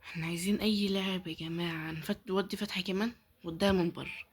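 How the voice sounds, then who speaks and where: A woman's voice: lowish voice, steady tone, rapid-fire, slightly rough. A woman with an Egyptian accent giving casual gameplay commentary, pleading and muttering prayers, often dropping to a whisper. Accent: Egyptian Arabic. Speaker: gaming YouTuber.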